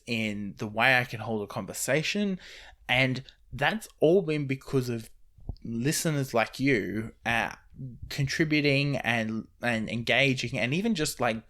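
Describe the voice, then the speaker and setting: A young man hosting his own podcast, speaking off the top of his head in a casual solo update. His voice sits at an average pitch, and his talk rambles a little as he goes. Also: fairly bright tone. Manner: rambling, off the cuff. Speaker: podcast host. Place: indoors near street traffic.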